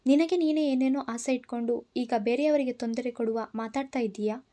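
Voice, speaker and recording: A woman voicing an angry young man who shouts and gives orders, in a storybook reading. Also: on the high side, fairly quick, close to an everyday voice. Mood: furious. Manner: shouting, commanding. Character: furious young man confronting his obsessive cousin.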